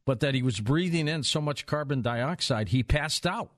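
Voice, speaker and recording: A man's voice: mid-range voice, expressive, moderate pace, no echo. A man hosting a radio call-in talk show, asking casual, chatty questions from the studio.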